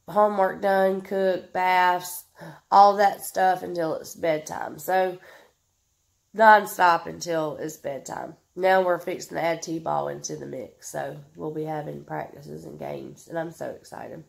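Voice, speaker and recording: A woman's voice: fairly low pitch, fairly even intonation, slow, gravelly. A woman in her thirties with a Southern US accent, stuffed up and sniffling, chatting casually to camera as she answers viewers' questions. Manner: chatty, drawling, many ums, reads comments aloud.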